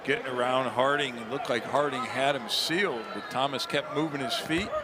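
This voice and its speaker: A man's voice: medium pitch, moderate pace. A man giving chatty, folksy color commentary on a live basketball game. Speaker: color commentator, former coach. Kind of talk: conversational live basketball analysis. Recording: noisy arena, loud crowd behind.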